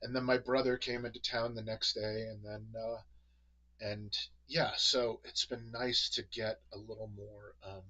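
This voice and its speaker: A man's voice: lowish voice, little pitch movement, measured pace, pushed and bright, low-quality recording. A man from New England hosting a casual chat, rambling with many fillers and restarts. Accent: New England American. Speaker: podcast host.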